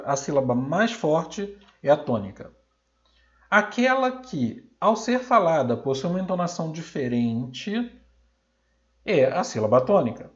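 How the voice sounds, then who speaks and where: A Brazilian Portuguese man teaching a recorded grammar lesson, sounding out example words slowly and loudly. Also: a little high, lo-fi sound.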